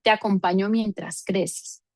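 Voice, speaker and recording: A woman's voice: mid-range voice, fairly even intonation, unhurried, a little mellow, no room sound. A woman teaching a parenting seminar, explaining with everyday examples and affectionate diminutives.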